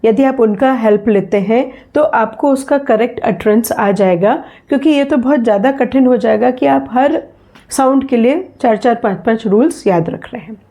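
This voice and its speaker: A woman teaching English phonetics in a slow spoken lesson, patiently repeating sounds and example words for her learners. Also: fairly high pitch, dark tone.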